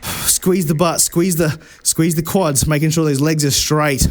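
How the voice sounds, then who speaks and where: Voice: medium pitch, fairly even intonation, a little slow. An instructor coaching a live home workout, chatty and encouraging while demonstrating the moves. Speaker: fitness instructor.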